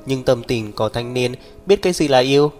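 A man voicing a blunt, teasing middle-aged mother in a brisk, scolding manner. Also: mid-range voice, animated, a little mellow, lightly acted. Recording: long reverb, faint background music.

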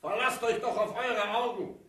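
An actor playing an earnest, desperate farmer pleading urgently but respectfully in an echoey 1950s German radio play. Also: male voice, high-pitched, fairly even intonation, normal speed, fairly bright tone. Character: earnest, desperate farmer petitioning a powerful judge. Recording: echoey room, distant from mic.

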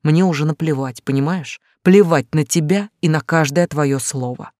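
A woman's voice: deep voice, normal speed, no room sound, clean studio sound, lightly acted. Woman reading a scornful, cruel man. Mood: cold. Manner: cutting, scornful, shouts in anger. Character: cruel, contemptuous man rejecting his lover. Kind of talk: audiobook character reading.

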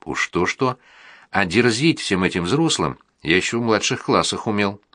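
A man narrating a first-person audiobook in a plain, even reading manner. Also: on the low side, normal speed, no echo, studio quality.

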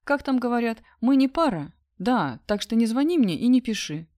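Woman doing a young man, husky, mocking, careless, cold, audiobook, dark mellow voice. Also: a little high, very animated, moderate pace, dry recording, studio quality, pitched above the performer's own voice.

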